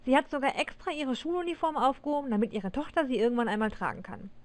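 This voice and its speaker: A woman's voice: sits high, fast talker, natural voice. A woman voicing a stern middle-aged father who speaks firmly and with authority in a read-aloud story. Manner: firm, final, calmly authoritative.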